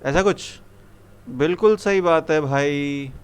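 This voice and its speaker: A man's voice: a little high, slow, clean tone. A young man teaching programming to a live classroom, coaxing students with repeated questions. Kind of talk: live classroom coding lesson.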